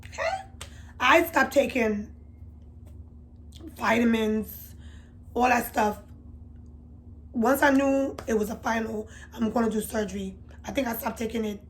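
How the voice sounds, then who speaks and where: A woman telling a candid storytime to her viewers, chatty and confiding, swinging from loud emphatic bursts to low murmurs. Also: a little slow, pauses often, a little hiss or hum. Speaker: beauty vlogger. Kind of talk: storytime vlog.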